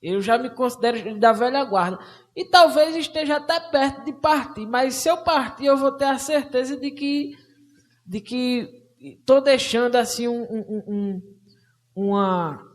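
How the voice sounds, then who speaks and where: A woman's voice: sits high, unhurried. A woman moderating a conversation circle, talking casually with frequent hesitations and restarts. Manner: hesitant, many restarts and fillers. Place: auditorium of a cultural center.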